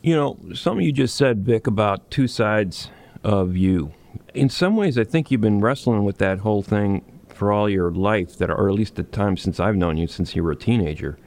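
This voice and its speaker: A male interviewer with a gravelly, low voice asks thoughtful, probing questions. The recording is dry and close. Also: expressive, moderate pace, a little mellow, no room sound.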